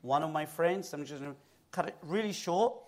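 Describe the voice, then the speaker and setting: A man from Egypt shares his testimony from a church stage, speaking into a stage mic. His voice sits a little high, and he tells his story as a lively storyteller with a streak of self-mocking humor. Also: brisk. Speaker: guest preacher. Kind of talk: personal testimony in a church interview. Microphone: own stage mic.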